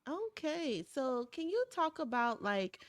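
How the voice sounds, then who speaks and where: A woman hosting an online interview from her home studio, upbeat and often pausing on "um". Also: high voice, very animated, dry recording. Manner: upbeat, frequent "um" fillers. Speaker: host. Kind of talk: webinar interview. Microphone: video call.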